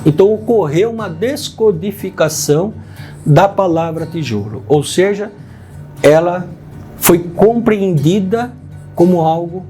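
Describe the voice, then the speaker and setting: A Brazilian man with a slightly raised pitch talks through a lesson point by point. He keeps pausing to check his listeners are following. Soft guitar music plays quietly underneath. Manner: explains step by step, checking in with "tá?" and "né?". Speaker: host, union president. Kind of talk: spoken educational explanation. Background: faint guitar music.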